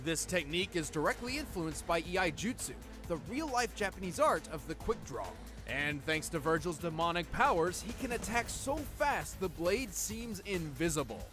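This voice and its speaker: An earnest, nerdy scientist co-host performed by a man, with a fairly high voice and animated intonation. He explains things precisely in scripted narration, with music clearly audible underneath. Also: moderate pace. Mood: dramatic, explanatory. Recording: voice over background music.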